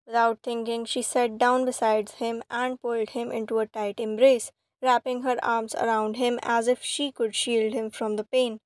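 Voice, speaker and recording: A woman narrating a romantic fan fiction story in a steady, even reading voice. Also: on the high side, normal speed, dry recording.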